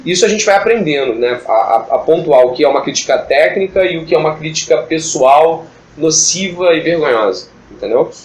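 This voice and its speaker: A man with a fairly high voice leads an informal Bible study and jokes as he talks. He often slips into acting out the voices of students and teachers. He sounds as if he is in an echoey room with faint noise behind him. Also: animated, brisk, hardly any pauses, darkish tone. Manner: chatty, joking, acts out classroom dialogue.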